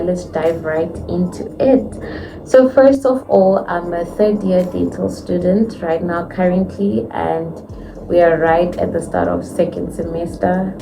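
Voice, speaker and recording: A woman in her twenties from Zimbabwe, a dental student telling her own story to the camera in a chatty, candid, expressive way. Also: lowish voice. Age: 20s. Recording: distant mic with clear background noise.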